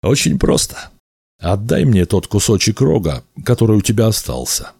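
A man's voice: lowish voice, sing-song, moderate pace, creaky, a little mellow, slightly rough, no room sound, studio quality, pitched above the performer's own voice, exaggerated voice. A man voicing a scheming old male sorcerer in an audiobook, sly and knowing. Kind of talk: audiobook character voice.

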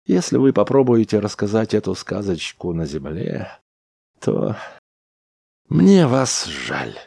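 A man's voice: lowish voice, animated, normal speed, gravelly, dark tone, no echo, clean studio sound, voice pushed up. A man voicing Smith, an agitated, incredulous male space traveler, in a strained, disbelieving tone. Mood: gloomy.

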